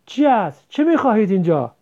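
A man's voice: high-pitched, sing-song, a little mellow, voice pushed up. A man voicing an impatient, harsh middle-aged village woman who scolds curtly. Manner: scolding, curt. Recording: dull lo-fi recording.

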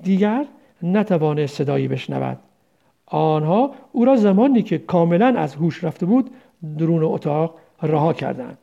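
Brief: male audiobook narrator, high-pitched yet mellow, steady delivery. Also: creaky, muffled recording. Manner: steady reading with occasional slips. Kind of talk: audiobook story reading.

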